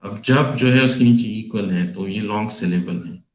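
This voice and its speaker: Male tutor, lowish voice, slow unhurried explanations, roomy echo. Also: a little mellow. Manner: slow, patient explaining with frequent pauses. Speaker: tutor explaining Urdu prosody software. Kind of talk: screen-share tutorial.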